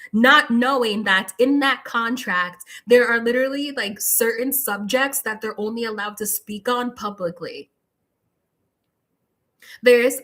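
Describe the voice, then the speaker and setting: A woman's voice: on the high side, fairly bright tone. A woman giving a live tarot reading, talking straight to the viewer with lots of "like" fillers and firm warnings. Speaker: tarot reader.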